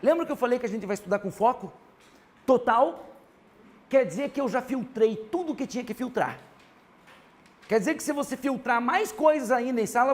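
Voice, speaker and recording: Animated Brazilian male teacher lecturing. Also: very high-pitched. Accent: Brazilian Portuguese. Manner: animated, keeps prompting the class for answers. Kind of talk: classroom grammar lecture. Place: classroom with students.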